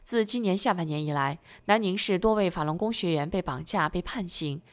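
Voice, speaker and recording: Woman reading a script out loud, kinda low voice, steady and even. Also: fairly quick. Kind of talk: reading aloud a scripted text.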